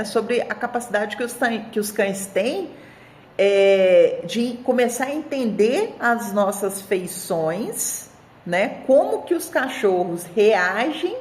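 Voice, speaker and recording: A dog trainer in her thirties, speaking with a Brazilian Portuguese accent at medium pitch, presents an article in a casual video. She addresses her viewers directly in a chatty, animated storytelling style.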